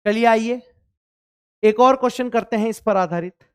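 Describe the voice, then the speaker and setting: Guy teaching chem, smooth clear voice, keeps asking the class stuff and answering it himself. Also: very high voice, normal speed. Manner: repeats each point and asks students questions, answering them himself; speaks for the student too, addressing himself as sir. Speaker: chemistry teacher. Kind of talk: classroom-style lecture.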